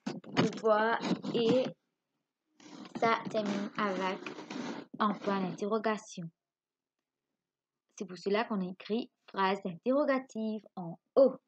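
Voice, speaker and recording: A woman with a Mauritian French accent teaching a remote lesson to young pupils, explaining slowly and patiently and checking often that they follow. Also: medium pitch, highs cut off. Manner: slow, patient explaining with frequent checks for understanding. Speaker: primary school teacher. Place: home.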